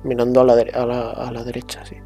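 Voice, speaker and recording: Hesitant young man musing aloud, soft music. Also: medium pitch, monotone, quick pace. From Spain. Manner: hesitant, full of restarts and fillers, shifting between soft and bright tones. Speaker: vlogger. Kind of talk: rambling casual monologue.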